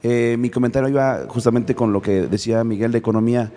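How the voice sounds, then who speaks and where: Man, Mexican accent, halting, many fillers, panel speaker, mid pitch, long reverb of a large hall. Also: flat delivery, mellow. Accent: Mexican Spanish. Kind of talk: casual storytelling in a discussion.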